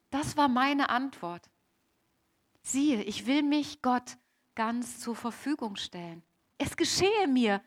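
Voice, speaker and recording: In character as a youthful, devout Mary, a female preacher speaks to the congregation in a deliberate, emphatic sermon told in the first person, repeating important lines. The voice is high with a fairly bright tone.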